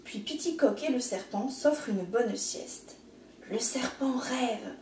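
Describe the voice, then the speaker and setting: A woman teacher reading a picture book aloud in an expressive, gentle storytelling manner, in an echoey room. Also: fairly high pitch, takes it slowly, distant mic, a little hiss or hum.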